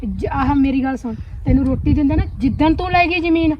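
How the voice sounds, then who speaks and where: A woman's voice: sits high, expressive. A woman with a Punjabi accent in a village drama, talking bluntly and scolding a cousin. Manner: blunt, scolding, rapid-fire advice. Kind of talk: Punjabi short film drama acting. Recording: distant, dull, noisy outdoor sound.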